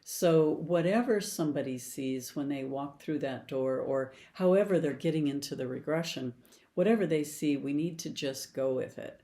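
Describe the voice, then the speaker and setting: An older woman who works as a past life regression therapist explains her work conversationally, weaving in stories about clients. Her voice is low-pitched and mellow, at a normal speed.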